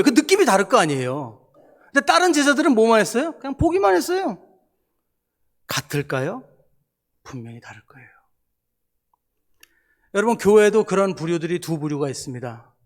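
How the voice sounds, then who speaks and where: A middle-aged man delivers a sermon as a missionary pastor, and his voice sits a little higher than most men's. He sounds conversational and animated, often turning to the congregation with rhetorical questions.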